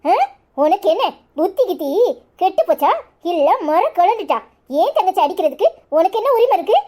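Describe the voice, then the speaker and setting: Woman doing a shrill scolding village wife. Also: big pitch swings, brisk, mellow. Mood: angry. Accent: Kanyakumari Tamil. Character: quarrelsome young village wife, sharp-tongued. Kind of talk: cartoon voice acting.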